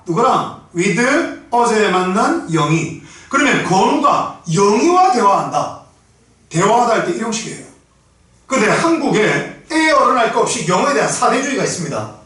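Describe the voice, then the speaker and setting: A middle-aged man with a Gyeongsang Korean accent teaching English exam prep, blunt and rough-spoken, firing rhetorical questions at his students. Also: very high-pitched, sharp tone. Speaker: English tutor. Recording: echoey room, mic set at a distance.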